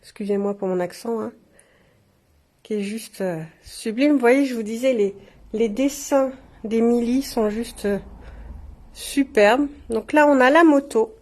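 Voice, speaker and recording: A woman's voice: a little high, unhurried. A woman chatting casually to viewers as she shows off engraved glasses. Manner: chatty, warm asides to viewers. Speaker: shop presenter. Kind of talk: casual product showcase.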